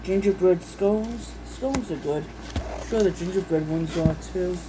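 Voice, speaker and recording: Speaking in an unhurried, fairly low voice with background noise, a woman browses a recipe book at home. The vlogger chats casually without a script, reading recipes aloud and musing to herself in a homey way.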